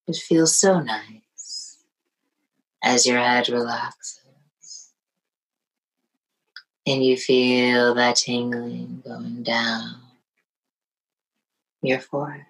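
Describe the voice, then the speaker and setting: A woman leading a guided meditation in a slow, soothing, hushed way, often dropping to a near whisper. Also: a bass voice, poor audio.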